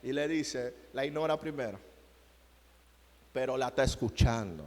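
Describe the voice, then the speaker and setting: A man preaching a sermon, moving between quiet passages and loud, emphatic cries. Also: medium pitch, moderate pace, big-room sound.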